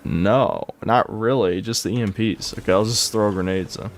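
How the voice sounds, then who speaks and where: Low-voiced young man, rambling game streamer. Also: normal speed, slight background noise. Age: 20s. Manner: profane, bro-ish, rambling. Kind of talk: casual live gaming stream chat.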